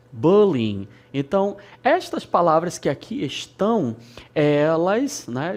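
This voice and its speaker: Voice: mid-range voice, darkish tone. An English teacher from Brazil with an Amazonas accent, giving a recorded lesson, repeating key words and checking in with "ok?" along the way. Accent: Brazilian Portuguese, Amazonas. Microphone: studio lesson recording.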